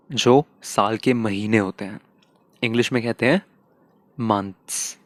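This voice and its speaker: A man teaching English pronunciation in a casual, explanatory lesson, repeating each word slowly to model it. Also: medium pitch, no echo. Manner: slow, repeats words, models sounds.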